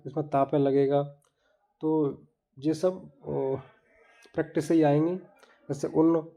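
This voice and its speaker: Gravelly man teaching grammar step by step. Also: on the high side, dark tone, dull audio. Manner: explains step by step, repeating terms and asking the viewer to look. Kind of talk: online exam-prep lesson.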